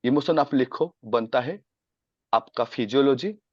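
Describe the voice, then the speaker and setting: A man's voice: medium pitch, measured pace, slightly rough, no room sound, muffled recording. Man coaching a sales class on a video call. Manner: mixes Hindi and English, quizzes students. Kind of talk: online class teaching.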